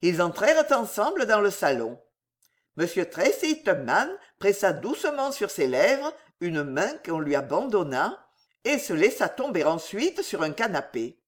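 An audiobook narrator reading a classic novel in a measured, expressive way. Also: mid-range voice.

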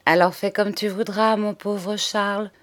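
A woman voices a sweet, patient young blind woman from a storybook. She speaks softly and kindly, gently scolding. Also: mid-range voice, flat delivery, a little slow, natural voice. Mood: gentle. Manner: soft, kind, admonishing.

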